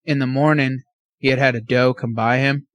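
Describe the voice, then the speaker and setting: A man guesting on a podcast, excitedly telling a casual story full of fillers and slang. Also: medium pitch, normal speed.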